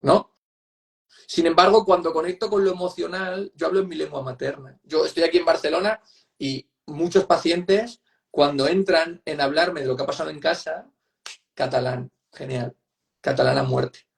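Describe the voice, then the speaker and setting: Gravelly and fairly high in pitch, the voice belongs to a Spanish-accented psychotherapist guesting in an online interview. He explains at a moderate pace with emphasis, repeating himself and seeking agreement through tag questions.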